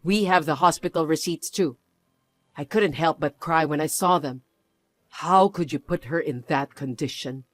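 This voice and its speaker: A firm, protective mother, as a reader plays her, speaking low, cold and quiet with clear contempt. The storybook recording is dry and close. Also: moderate pace, no echo. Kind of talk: scripted story narration.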